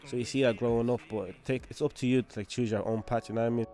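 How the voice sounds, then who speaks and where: Talking fast over faint music, a young Angolan rapper in his twenties recounts his story casually for a documentary. His medium-pitched voice has a dark tone and fairly even intonation, and he keeps dropping "you know what I mean" and "obviously."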